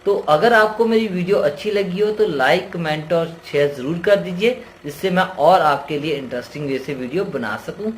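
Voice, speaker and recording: A man's voice: fairly high pitch, lively intonation, moderate pace, few pauses, slight background noise. A man teaching an engineering lesson, explaining step by step and asking and answering his own questions. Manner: voices students' doubts. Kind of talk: explanatory lecture.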